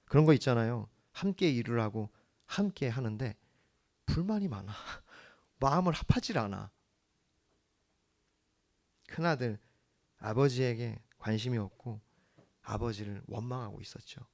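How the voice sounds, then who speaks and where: Male pastor preaching, earnest, goes quiet then punches words up, mid-pitched voice. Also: animated, unhurried, creaky, pauses often. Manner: earnest preaching, swings from hushed to emphatic. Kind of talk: sermon.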